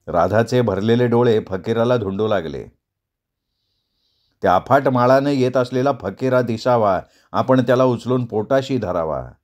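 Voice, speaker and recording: A man's voice: mid-range voice, a little slow. A man narrating a novel in storytelling style, acting out the characters' dialogue. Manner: expressive, acts out dialogue voices.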